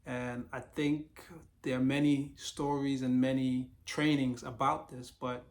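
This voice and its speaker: A man in a casual solo vlog, slightly hoarse from losing his voice, reflectively walking through a list of business ideas. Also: medium pitch, flat delivery, a little slow. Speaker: YouTube creator sharing business ideas.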